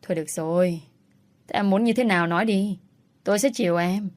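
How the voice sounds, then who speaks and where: A woman voicing a composed, confident young businessman who speaks calmly and firmly, a little exasperated. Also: mid-range voice, fairly quick, lightly acted. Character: composed, self-assured wealthy young man, a businessman.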